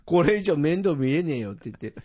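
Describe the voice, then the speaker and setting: A man's voice: on the high side, lively intonation, fast talker, a little mellow, no echo, studio quality. A middle-aged man chatting casually and telling anecdotes as a co-host, blunt and informal with his junior partner. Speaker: podcast co-host. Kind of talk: casual banter and anecdotes, quietly recorded.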